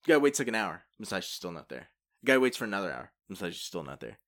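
Animated rambling man telling stories. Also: on the low side, rapid-fire. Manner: rambling, many fillers, animated retelling. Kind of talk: casual chat, storytelling.

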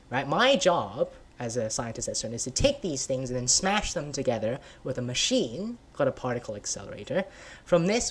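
A patient scientist, as a man reads him out in a storybook tale, laying out big ideas step by step. His voice is lively and rises and falls, and he keeps checking in with "right?". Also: mid-range voice. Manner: explanatory, many "right?" and "sort of" fillers. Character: patient male scientist explaining physics. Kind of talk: read-aloud children's story.

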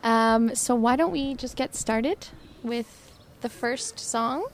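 Podcast host: female, higher voice with noticeable vocal fry, informal delivery, some background noise. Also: slow. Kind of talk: casual chat.

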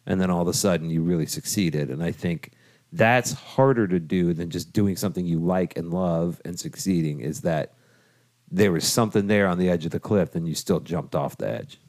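A man's voice: low voice, normal speed, a little mellow. A middle-aged man and father hosting a casual family podcast from a home studio, encouraging and jokey. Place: home room turned audio studio.

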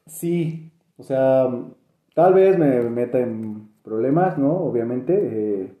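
Hesitant Mexican man, very dark voice. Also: medium pitch, expressive, takes it slowly, echoey room. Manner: hesitant and reflective, many fillers and restarts. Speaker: podcast co-host. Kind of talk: casual chat.

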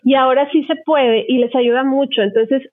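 A middle-aged woman psychologist hosts a casual podcast, talking things through at length in a high-pitched, steady voice at normal speed. She has a Mexican Spanish accent, and the recording is dry with no echo and a narrow, phone-like sound.

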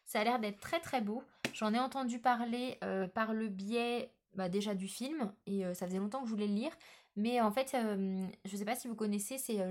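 Hesitant woman chatting about books. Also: on the high side. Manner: hesitant, frequent filler sounds and restarts. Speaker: book vlogger. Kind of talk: casual book vlog chat.

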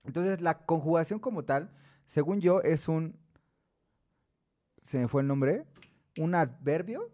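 A man's voice: fairly high pitch, animated, slow, pauses often, warm tone. A young man with a Mexican accent co-hosting a casual, slangy, joking chat. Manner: joking, slangy, often laughing. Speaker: podcast co-host.

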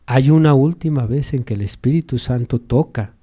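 A man's voice: mid-range voice, moderate pace, warm tone, slightly rough. A male preacher giving a sermon, retelling a Bible story and rising to emphatic cries.

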